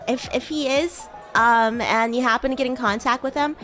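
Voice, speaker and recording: Her voice sits high and fairly bright, with mostly even intonation and a normal pace, while faint music and a faint crowd murmur in the background. Staying in character as a mischievous demon schoolgirl on her VTuber stream, she giggles, teases, and keeps addressing the listener as a human throughout the improvised roleplay chat.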